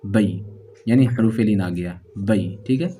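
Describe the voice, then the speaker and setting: Patient guy teaching quran reading, mellow low-ish voice, slow, repeats every sound and stretches syllables. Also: slight background noise.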